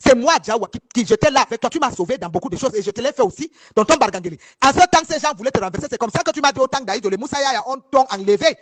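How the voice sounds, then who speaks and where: A woman's voice: fairly high pitch, animated, racing, few pauses. A woman from northern Cameroon, giving heated first-person testimony straight to her viewers, emphatic and rambling, often repeating herself and asking if they follow. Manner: emphatic and rambling, with many repeated words and restarts.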